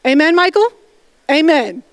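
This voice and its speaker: In a church sanctuary, a woman pastor preaches emphatically and directly, calling on the congregation to respond and tossing in casual asides. Her voice is high, swings widely in pitch and moves unhurriedly, with no echo.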